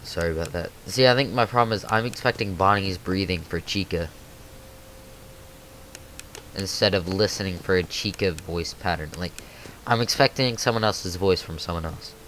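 A man's voice: low voice, normal speed, a bit bright, a little hiss or hum. A man hosting a gaming channel, giving let's play commentary as he thinks aloud with nervous exclamations.

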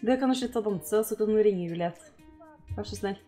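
A woman giving casual let's-play commentary, excitable and yelping at her game characters. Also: mid-range voice. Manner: excitable, yelps and shouts at the characters. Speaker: gaming host.

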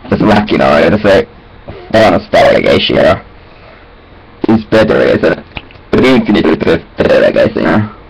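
A young man rambles to himself at a webcam in a small, cluttered room, his phrases disjointed and laced with sing-song filler sounds. His low, gravelly, slightly rough voice is very animated at a moderate pace, broken by long pauses. The recording is low quality.

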